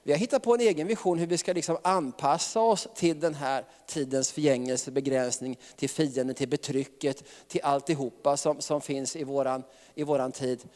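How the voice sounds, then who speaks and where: A man's voice: fairly high pitch, steady tone, darkish tone, long reverb tail. A man preaching a sermon in a chatty style, often laughing and tagging his sentences with questions.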